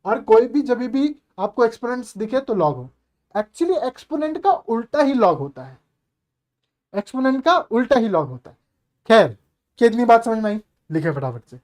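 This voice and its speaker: Guy teaching maths online, pretty high voice, keeps asking the class questions, chatty. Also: lively intonation, normal speed, darkish tone. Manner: chatty, coaxing, asks the class rhetorical questions; mixes English terms into his explanations. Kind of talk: online exam-prep lecture.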